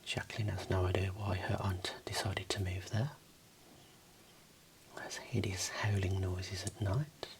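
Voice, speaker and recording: A man speaking in a soft, breathy whisper, giving an unhurried ASMR tour of his book collection. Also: sits low, little pitch movement, noisy background. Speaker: host showing own book collection.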